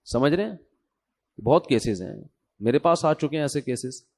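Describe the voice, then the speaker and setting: A man's voice: a little high, lively intonation. A middle-aged Pakistani man giving a conversational religious talk, telling cases and getting emphatic as he makes his points. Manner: conversational, storytelling, acts out quoted voices; grows emphatic and louder when making a point. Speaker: religious scholar. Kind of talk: informal Urdu religious talk to an audience.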